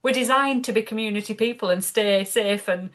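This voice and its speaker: A woman's voice: medium pitch, brisk, fairly bright tone. A woman with a Yorkshire accent hosting a podcast and coaching business clients, earnest and encouraging in tone. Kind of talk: podcast conversation.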